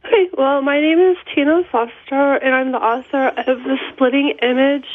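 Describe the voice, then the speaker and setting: A middle-aged author from the Seattle area calls in to a radio interview by telephone, congested from a cold, chatty and laughing between thoughts. Her voice sits high with fairly even intonation and normal speed, and the phone line sounds tinny and dry with no echo.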